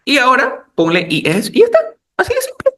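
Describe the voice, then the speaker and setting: A man explaining English grammar as a teacher, animated and talking straight to his students. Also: extremely high pitch, quick pace, slight background noise. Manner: animated, addresses students as "chicos". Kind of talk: lesson explanation.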